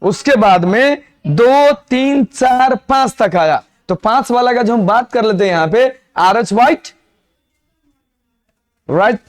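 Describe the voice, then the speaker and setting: A man's voice: extremely high pitch, expressive, takes it slowly. A man teaching a biology class, lecturing in a mix of Hindi and English and quizzing students with repeated questions.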